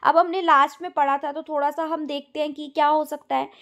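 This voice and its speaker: A woman teacher explaining a lesson step by step, dropping in English words and drawing out the answer words slowly. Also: high-pitched, little pitch movement, gravelly, a bit bright. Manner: stretches out words slowly when reading answers. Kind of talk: online class lesson.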